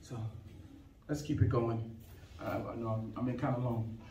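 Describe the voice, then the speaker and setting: A man's voice: medium pitch, fairly even intonation, moderate pace, warm tone, slight background noise. A male pastor preaching a sermon with impassioned, emphatic delivery, reading and explaining scripture in a church sanctuary. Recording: echoey church hall, distant mic.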